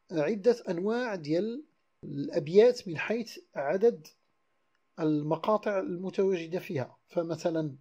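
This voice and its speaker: A male teacher with a Moroccan accent lectures on French verse, moving between French and Moroccan Arabic. His voice sits a little high but sounds mellow and husky. He slows down to count out verses one syllable at a time. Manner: explains slowly, then spells out verses syllable by syllable.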